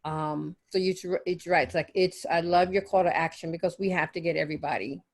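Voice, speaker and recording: Chatty woman, lower pitch. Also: steady tone, brisk. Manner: warm, affirming, chatty with fillers. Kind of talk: conversational reply on a video call.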